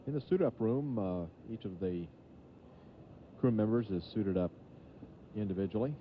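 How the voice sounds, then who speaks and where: A man giving live mission commentary as a launch control announcer, measured and matter-of-fact, on archival broadcast audio. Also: lowish voice, muffled recording, a little hiss or hum.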